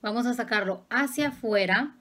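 A woman's voice: on the high side, normal speed, sharp tone. A woman, a makeup artist giving a patient, affectionate step-by-step makeup tutorial.

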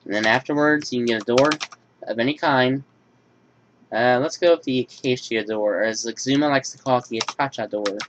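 A young gaming-channel host with a mid-range voice talks fairly quickly from a room at home. He runs through a build tutorial and then shifts to a casual personal update with many fillers, and the dull lo-fi recording has a faint hiss.

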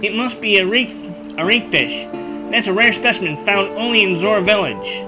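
An earnest, nerdy young fish-folk prince, as a man puts him on while reading game text aloud. The voice sits a little high and sounds like a bookish kid. Game music plays clearly underneath. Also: normal speed, lightly acted, rough recording.

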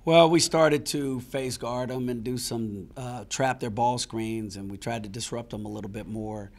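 At the post-game presser, a middle-aged head coach of a basketball team talks candidly, a bit frustrated, starting phrases over as he works through his thoughts. His medium-pitched voice has vocal fry and a moderate pace. A handheld mic sits on a stand right in front of him, with a sponsor backdrop behind in the press room.

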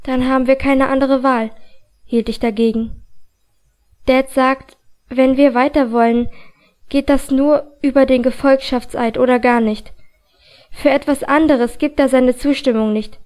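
A woman reading a fantasy audiobook in first person, with a calm, even storytelling delivery. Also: high-pitched, a little slow. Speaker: audiobook reader.

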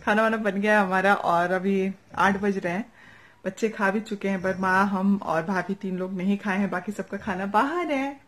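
Recording on a close phone or camera, a young vlogger with an eastern Uttar Pradesh Hindi accent chats about her evening at home, inside and in the courtyard. She's soft-spoken, with a mid-range voice at normal speed, and keeps tagging thoughts with an affectionate "right?" for the viewer.

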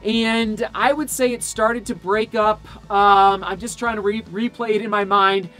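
In a little home studio piled with shoe boxes, a running vlogger in his thirties rambles excitedly about race results, correcting himself and using lots of fillers. His high, sharp voice is slightly hoarse and tired, a little slow and fairly flat in intonation. Soft background music plays under a rough recording.

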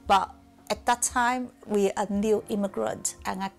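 Faint music plays behind a middle-aged woman from southern China, a musician with a Chinese accent, as she candidly and reflectively recounts her life in an interview, occasionally laughing softly. Her voice is mid-range and gravelly, with fairly even intonation and a measured pace.

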